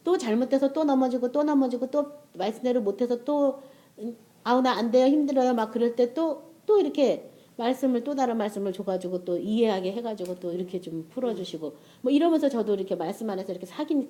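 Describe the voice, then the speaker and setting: A woman's voice: fairly high pitch, fast, warm tone. A middle-aged woman preaching a sermon in a conversational way, often checking with her listeners.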